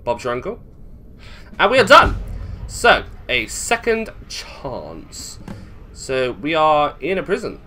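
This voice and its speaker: Speaking slowly with long pauses, this British man has a voice on the high side, big pitch swings, and a sharp tone. He gives relaxed, rambling commentary as a gaming video host, thinking aloud throughout. Game music plays behind him, along with slight background noise.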